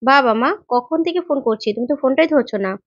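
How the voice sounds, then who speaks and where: A woman's voice: high voice, quick pace, dry recording. A woman voicing a nosy, suspicious married daughter who asks prying, complaining questions. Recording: dull, lo-fi recording.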